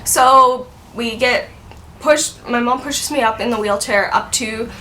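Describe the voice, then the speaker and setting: A woman's voice: a little high, measured pace, pushed and bright, a little hiss or hum. A woman in her twenties telling a story in a casual vlog. She rambles and says "like" a lot. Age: 20s. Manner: chatty, rambling, heavy use of "like". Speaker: vlogger.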